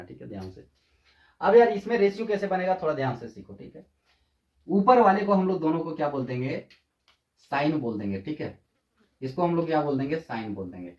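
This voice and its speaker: A man's voice: high-pitched, darkish tone. A male math teacher explaining at a digital board in a casual, repetitive way, often asking the class rhetorical questions. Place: room, drawing on a digital board. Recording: echoey, dull lo-fi sound.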